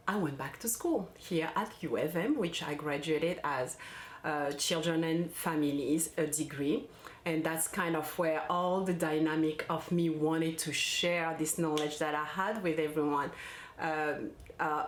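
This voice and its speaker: A woman's voice: low-pitched, roomy sound. A woman, a parenting coach talking chattily about her life in a personal vlog, with fillers and restarts. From France.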